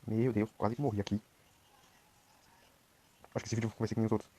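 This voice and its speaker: A young Brazilian man giving quiet, rambling commentary while he plays a game. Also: fairly low pitch, little pitch movement, brisk. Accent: Brazilian Portuguese. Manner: talks quietly at night, rambling. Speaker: gameplay streamer. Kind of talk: casual gameplay commentary.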